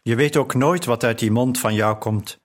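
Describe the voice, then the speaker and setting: A man's voice: medium pitch, moderate pace, lightly acted. A man reading a charming, teasing young husband. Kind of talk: audiobook character reading.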